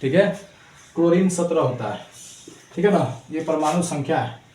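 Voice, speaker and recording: A man's voice: a little high, animated, moderate pace, a little mellow. A man teaching a school chemistry class in with a tinge. He repeats key points with "ठीक है" and drills students with rhyming memory chants. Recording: echoey room, mic far off, faint background noise.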